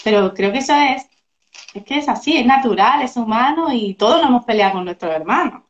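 A woman speaks as a guest in a relaxed interview, thoughtful and agreeable. Her voice is a little high and comes through echoey and muffled, like a video call. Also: brisk. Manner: agreeable, reflective, frequent tag questions. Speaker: guest, family coach. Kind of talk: casual chat interview.

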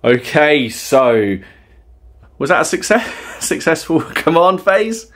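A man's voice: on the high side, slow pace, faint music behind. A man in his thirties hosting a tabletop wargame battle report, chatting casually and explaining the rules at home. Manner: relaxed, chatty, explains rules with fillers and laughs. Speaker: tabletop wargame player and channel host.

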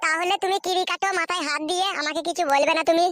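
A woman's voice: extremely high pitch, steady tone, very fast, a bit bright, no echo. A woman voicing a foolish, cowardly husband in a comic cartoon, pleading and wailing. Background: background music.

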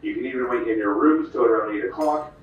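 Cruise director, male, quick patter, booming echo from a distant ship speaker. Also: lo-fi sound, over a noisy crowd. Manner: repetitive, reassuring announcer patter. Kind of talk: ship public address announcement. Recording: distant echoey ship loudspeaker.

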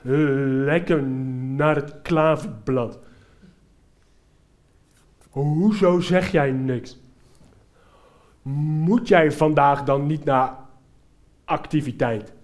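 A male comedian voicing a cheerful young man on a bike, talking slowly and drawn-out in a chummy, overly friendly way. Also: on the high side, a little mellow, pitched below the performer's own voice. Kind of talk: stand-up character bit.

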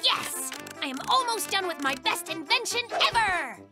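A boastful little cartoon polar bear cub, voiced by an actor, brags and spins tall tales in a very high, squeaky voice. His pitch bounces all over the place, with yelps and squeals of excitement. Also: moderate pace, over music. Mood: excited. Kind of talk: cartoon voice acting.

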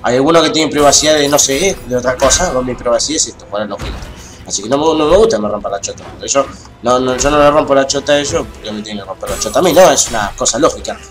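A man's voice: medium pitch, fast talker. A young man with an Argentine accent commentating his gameplay, swearing and ranting in exasperation. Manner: foul-mouthed, ranting, easily exasperated. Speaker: gamer. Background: game music and sounds.

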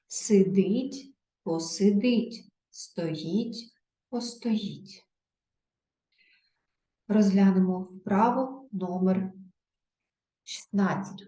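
A woman teaching a grammar lesson, dictating word forms slowly and clearly. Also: mid-range voice, mellow. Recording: echoey room, voice from a distance.

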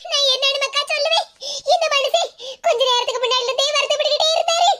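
A voice actor doing a squeaky, fretful cartoon aunt. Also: very fast. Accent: Kanyakumari Tamil. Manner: fretful, pleading. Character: worried middle-aged aunt, fretful and motherly. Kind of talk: cartoon voice acting. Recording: loud background noise.

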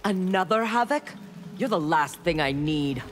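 Voicing a stern, armored clan warrior in a fighting game, an actress with a lowish voice delivers intro banter that is animated and a little slow. Her manner is cold, clipped and menacing, with music audible in the game audio.

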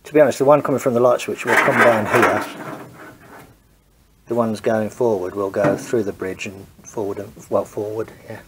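Heavy background noise surrounds a lowish, steady male voice speaking at normal speed. He's stuffed up with a cold and casually talks through wiring his car in a home garage, hesitating as he thinks aloud.

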